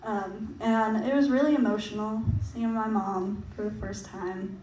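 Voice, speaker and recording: Speaking unhurriedly at a medium pitch with fairly even intonation and a darkish tone, a young mission trip presenter gives a giggly, casual talk to a church audience. She's chatty and full of fillers and laughter, and the mic sits far away in a roomy, echoey hall with faint noise.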